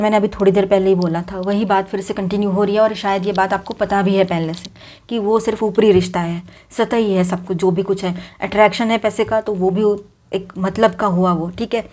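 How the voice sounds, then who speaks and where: A woman's voice: mid-range voice, a little mellow. A woman reading tarot cards straight to her viewers in a casual, conversational way, mixing in English words and often restarting sentences. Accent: Hindi. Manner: conversational, mixes English words into Hindi, many fillers and restarts. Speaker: tarot reader.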